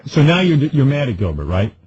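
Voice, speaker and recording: A man's voice: medium pitch, sing-song, brisk, dull audio, crowd noise. A man hosting a radio talk show, asking teasing, leading questions in playful banter. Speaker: radio host.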